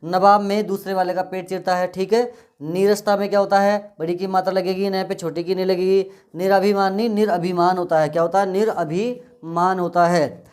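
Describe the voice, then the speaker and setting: A male teacher giving an exam-prep spelling lesson, drilling words by repeating them in a steady, methodical way. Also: sits high, moderate pace.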